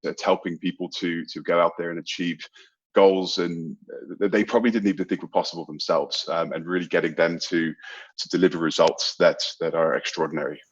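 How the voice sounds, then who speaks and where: With lo-fi sound, a low-pitched man speaks a little fast in a flat delivery with a breathy edge. He's a Bermudian sales executive in his thirties, a casual interview guest whose British accent shows American and Australian touches.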